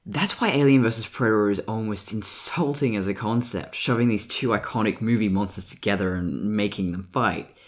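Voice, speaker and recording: A man's voice: fairly low pitch, moderate pace, hardly any pauses. A man with a mixed English and Australian accent, delivering a scripted, analytical video essay as a film essayist. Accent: English-Australian hybrid.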